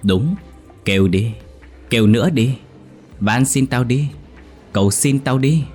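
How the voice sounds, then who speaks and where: A man with a deep voice reading as a cruel, jealous older wife who sneers and taunts in a storytelling narration. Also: animated, moderate pace, a little mellow, breathy edge, faint music behind. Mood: taunting.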